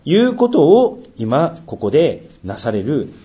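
A man preaching a sermon as pastor. He asks rhetorical questions and swings from loud emphasis to near-whispers. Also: a little high, huge pitch swings, takes it slowly.

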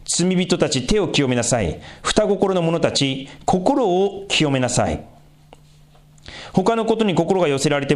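A man giving a conversational sermon as a pastor, asking the congregation questions and swinging his pitch for emphasis.

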